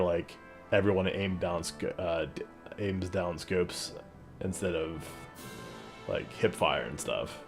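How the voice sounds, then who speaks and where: A young man chatting casually on a live game stream in slangy, profane, laid-back bro talk. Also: low-pitched. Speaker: teacher. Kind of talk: casual live stream chat while gaming.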